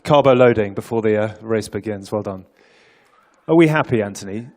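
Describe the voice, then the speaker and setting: A man's voice: on the low side, brisk, darkish tone. A man hosting a live press conference, speaking informally and jokingly to the room with teasing, rallying banter.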